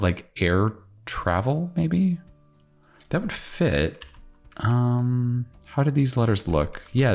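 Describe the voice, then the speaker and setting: A man thinking out loud in casual puzzle commentary, musing and questioning himself as he works. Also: fairly low pitch, creaky. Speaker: crossword solver hosting a solve-along video. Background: plucked guitar music.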